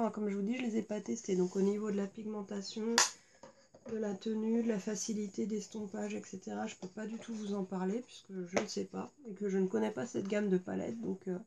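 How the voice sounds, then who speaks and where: A woman's voice: mid-range voice, creaky, warm tone, a little hiss or hum. A woman chatting casually as she unboxes and shows makeup at home, talking with many hesitations and fillers. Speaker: beauty vlogger. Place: indoors at home.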